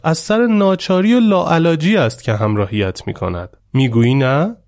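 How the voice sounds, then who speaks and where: A man voicing a wise older male teacher who speaks gently and measured, as if smiling. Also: a little high, dry recording, clean studio sound, voice pushed up.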